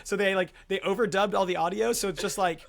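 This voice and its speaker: A man with a notably high voice co-hosting a casual film review podcast. He talks in a sarcastic, joking way and often drops into quiet mumbled asides. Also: fairly even intonation, fast, vocal fry, noisy background. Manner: sarcastic, dry jokes, trails off into low mumbles. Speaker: podcast co-host.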